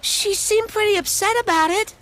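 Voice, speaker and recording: An audiobook narrator voicing an excitable young village boy who tells tall tales breathlessly. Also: very high-pitched, moderate pace, slight background noise, voice pushed up. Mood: boastful excited. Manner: breathless boastful storytelling. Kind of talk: audiobook character voice.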